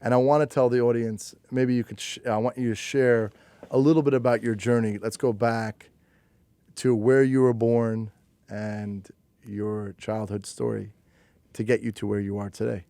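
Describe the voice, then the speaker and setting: A man's voice: mid-range voice, little pitch movement, moderate pace, warm tone, clear, resonant tone, no room sound. A man hosting an interview, leading the guest with emphatic questions and often repeating his phrases. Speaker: podcast host. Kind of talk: interview conversation.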